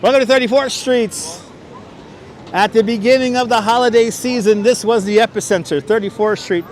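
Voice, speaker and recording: Streaming live while walking outdoors on a city street, a man with a very high-pitched voice speaks at a moderate pace through a clip-on wireless mic. He's relaxed and talkative, reading viewer comments aloud and chuckling frequently, with slight noise in the background.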